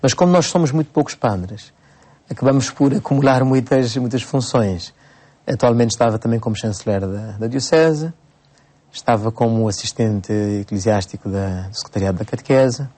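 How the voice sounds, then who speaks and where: A Cape Verdean priest in his forties answering interview questions at an unhurried pace, with frequent hesitations and restarts. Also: mid-range voice, dark tone. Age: 40s. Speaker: priest, bishop-elect.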